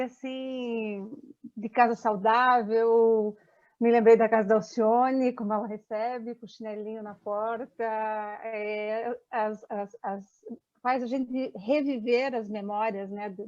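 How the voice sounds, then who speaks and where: Woman participant, reflective and halting, higher voice, dull muffled recording. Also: a little mellow. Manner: hesitant, many restarts. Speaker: meeting participant. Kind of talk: casual group discussion. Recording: muffled lo-fi audio.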